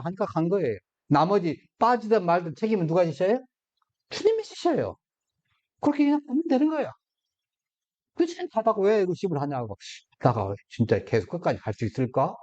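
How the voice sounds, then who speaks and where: A man's voice: medium pitch, a little mellow, muffled recording. A man preaching a conversational sermon as a pastor, often acting out short quoted lines in shifting tones.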